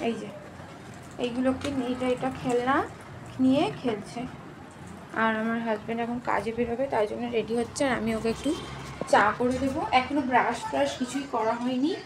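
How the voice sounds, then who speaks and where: High-voiced chatty woman vlogging. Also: fairly even intonation, fairly quick. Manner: chatty, talks to viewers as friends. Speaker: home vlogger. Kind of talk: casual home vlog. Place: family home. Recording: noisy home recording.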